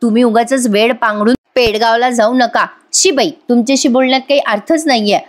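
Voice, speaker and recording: A woman's voice: a little high, fairly quick, close to an everyday voice. A woman voicing an irritated middle-aged wife who answers sharply and with exasperation. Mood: annoyed.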